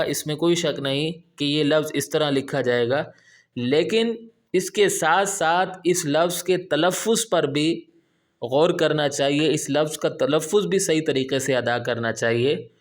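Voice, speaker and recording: A man giving a patient spoken Urdu lesson, repeating key points and checking understanding. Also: fairly high pitch. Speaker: Urdu teacher. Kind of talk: explanatory language lesson.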